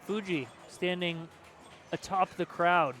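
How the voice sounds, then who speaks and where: Man co-commentator, slightly high voice, chatty pinball play-by-play, laughs a lot. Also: takes it slowly, heavy background noise. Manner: chatty, self-deprecating, laughs often. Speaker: co-commentator at a pinball tournament stream. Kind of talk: casual live play-by-play commentary. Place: pinball arcade bar.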